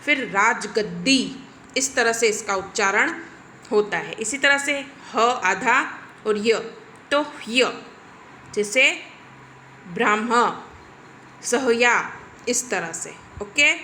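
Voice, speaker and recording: A woman teacher records a Hindi grammar lesson, explaining each point step by step and repeatedly checking in with her students. Her bright, clear, slightly high voice is animated yet slow, with long pauses. The audio echoes like a bare room and carries a little hiss or hum.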